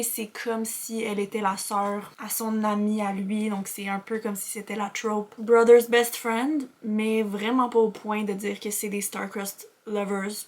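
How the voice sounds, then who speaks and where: A young woman with a Québécois French accent, chatting candidly about books in a casual vlog voice-over while coming down with a sore throat. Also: mid-range voice. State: starting a sore throat and a cold. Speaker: book vlogger.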